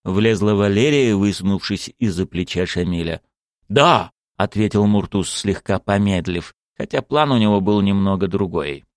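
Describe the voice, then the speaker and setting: A man's voice: fairly low pitch, moderate pace, few pauses, no room sound. A man reading scripted narration expressively, as an audiobook narrator on a close studio mic. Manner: expressive storytelling.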